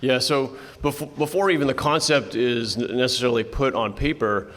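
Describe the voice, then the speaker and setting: A mid-range, slightly bright male voice at a moderate pace moderates a convention panel presentation in a reverberant hall. He keeps it conversational, restarts frequently, and hands off to co-presenters.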